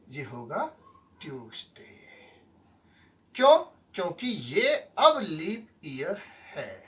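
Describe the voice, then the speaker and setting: Male teacher with a very animated, up-and-down delivery who checks in with his students constantly. The mic sits far from him. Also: on the high side. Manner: keeps asking the class questions and checking they follow; mixes English words and phrases into his explanations. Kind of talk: online lesson explaining calendar tricks. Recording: voice sounding distant from the mic.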